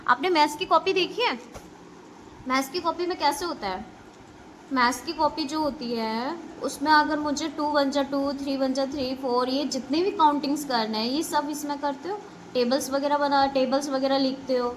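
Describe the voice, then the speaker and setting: High-voiced woman teaching young pupils. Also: normal speed, a little hiss or hum. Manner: repetitive, keeps checking understanding with "ok"; addresses pupils directly with instructions. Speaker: school computer teacher. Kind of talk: classroom lesson explaining basics to children.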